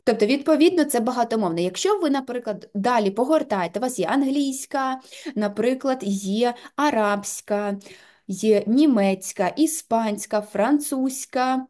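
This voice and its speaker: A woman giving a patient, step-by-step software tutorial, leaning on filler words as she goes. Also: a little high.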